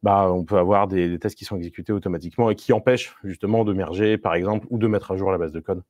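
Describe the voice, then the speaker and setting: A man's voice: sits low, steady tone, fast talker, a little mellow, dry recording. A man talking to a live online meetup audience as a Scrum Master, in a conversational way with many fillers and restarts and a few playful asides.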